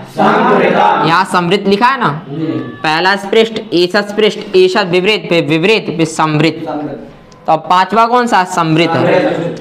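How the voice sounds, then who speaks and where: A man with a fairly high voice explains Sanskrit grammar as a patient teacher. He asks a question, then answers it himself. He checks again and again that the listener has understood. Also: a bit bright. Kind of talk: classroom explanation.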